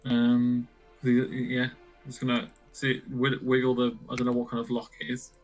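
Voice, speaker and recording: A man's voice: medium pitch, completely flat delivery, moderate pace, faint music behind, low-quality recording. A man playing a tabletop game, rambling and laughing as he describes his character's actions. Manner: giggly, rambling. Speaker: player. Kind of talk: casual tabletop play.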